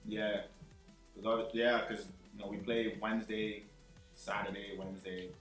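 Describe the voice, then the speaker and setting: A young man in his twenties chatting as a guest on a gaming headset, easygoing and modest, sometimes halting over his words. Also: lowish voice, level tone, a bit bright, reverberant, soft background music, low-quality recording. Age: 20s. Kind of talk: casual gaming chat. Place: bedroom streaming setup, indoors.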